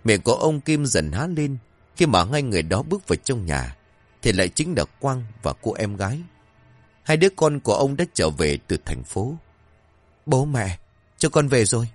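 Low-voiced man narrating a horror tale. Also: sing-song, moderate pace, no echo, faint music behind. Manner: dramatic, suspenseful. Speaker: storyteller. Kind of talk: scripted horror story narration.

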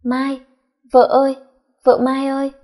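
A woman's voice: sits high, completely flat delivery, a little slow, dark tone, pitched above the performer's own voice. A woman voicing a tipsy, sugary young husband. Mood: doting. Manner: slurred, whiny, sugary. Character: tipsy affectionate young husband, sweet-talking.

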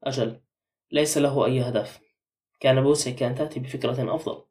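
A blunt, suspicious middle-aged man, as a male narrator reads him. Quick, dark and mellow in tone. The mic is set back a little. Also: medium pitch, fairly even intonation, distant mic, lightly acted.

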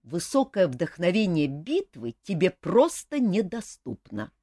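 A woman's voice: lowish voice, sing-song, a little slow, warm tone, husky, dry recording, studio quality, exaggerated voice. A woman reading an audiobook, voicing a hot-tempered young warrior prince who grumbles and blusters. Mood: blustering. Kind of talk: audiobook character voice.

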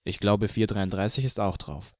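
Gruff swearing band dude, read by a man, low voice, dry sound. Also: fairly even intonation, normal speed, a little mellow, dry recording, close to an everyday voice. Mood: laconic. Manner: gruff, cursing. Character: laid-back male band member tinkering with gear.

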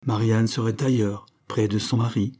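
A man reading a classic novel aloud as an audiobook narrator, in measured, steady storytelling. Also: lowish voice, breathy edge. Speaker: audiobook reader.

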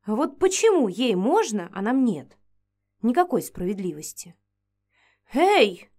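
A woman's voice: on the high side, very animated, moderate pace, warm tone. Playful woman narrating fantasy. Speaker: audiobook narrator. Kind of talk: first-person fantasy narration.

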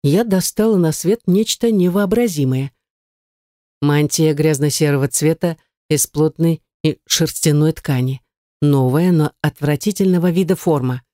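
A woman narrating an audiobook in the first person, telling the story in a lively, expressive way. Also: deep voice, unhurried, no room sound, studio quality.

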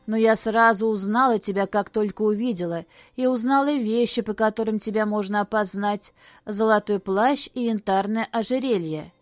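A woman's voice: medium pitch, moderate pace, no room sound, close to an everyday voice. A woman voicing a grieving beggar mother who pleads tearfully in a storybook reading. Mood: pleading. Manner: pleading, sobbing.

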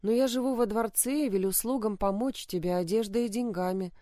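A woman's voice: mid-range voice, a little fast, warm tone, no room sound, clean studio sound, natural voice. A woman voicing a tearful young noblewoman. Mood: anxious, tearful. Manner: urgent, distressed pleading.

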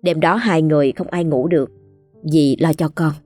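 A woman's voice: low voice, moderate pace, dark tone, no room sound, faint music behind. A woman, steadily narrating a ghost story.

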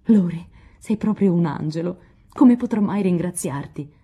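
Woman doing a breathless, heartfelt teen girl, pitched up, a little husky; audiobook. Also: animated, moderate pace, mellow. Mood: grateful. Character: spirited, emotional teenage girl. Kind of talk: audiobook character reading.

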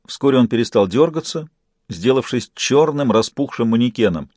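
A man reading an audiobook in an even, measured narration. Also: medium pitch, dry recording. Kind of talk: scripted narration.

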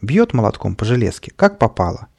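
A man narrating a children's audiobook in an expressive storytelling manner. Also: fairly low pitch, brisk, creaky.

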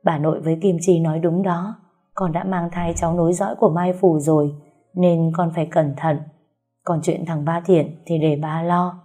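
A calm father-in-law who heads the household in an audiobook, reassuring and measured, as a woman narrator puts him on. The voice is low and husky, with a mellow tone. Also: soft background music, natural voice.

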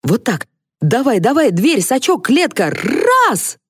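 A woman's voice: on the low side, lively intonation, a little slow, darkish tone, no echo, clean studio sound. A woman reading an audiobook, voicing a frantic, eccentric male ornithologist who shrieks out commands.

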